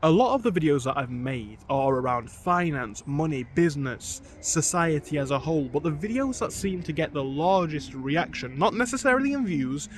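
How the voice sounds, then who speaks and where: A man's voice: a little high, sing-song, normal speed, few pauses, slight background noise. A young man talking earnestly to camera in a casual vlog outdoors on a bike ride, often repeating words as he thinks aloud. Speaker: vlogger.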